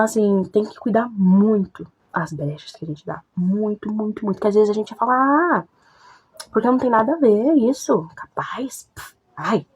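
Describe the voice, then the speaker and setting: A woman's voice: mid-range voice, low-quality recording. A woman telling a personal faith testimony in a conversational way, often checking in with her listeners. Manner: conversational, frequent tag questions. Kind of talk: emotional testimony.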